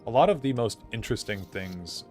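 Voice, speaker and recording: Animated and brisk, a young male streamer talks in a medium-pitched, darkish voice while playing live, with faint music behind him. He answers chat casually and reasons aloud, sprinkling in lots of "like."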